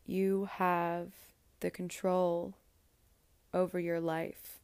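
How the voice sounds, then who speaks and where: A woman leads a guided meditation, speaking unusually slowly with long soothing pauses. Her voice sits low and stays level, with little rise and fall. The sound is close and dry. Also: little pitch movement, smooth, no room sound. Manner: slow, soft, soothing delivery with long pauses.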